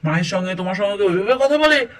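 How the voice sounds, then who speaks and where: A man voicing a quick-tempered young husband in a cartoon story who blusters and issues warnings. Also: sits high, lively intonation, a bit bright, distant mic. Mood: blustering.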